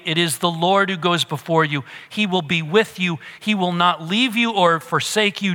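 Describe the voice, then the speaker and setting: A man preaching a sermon, reading scripture aloud, swinging from urgent emphasis down to a hushed near-whisper. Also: high-pitched, in a large hall. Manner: reads verses with sweeping shifts from loud urgency to near-whisper.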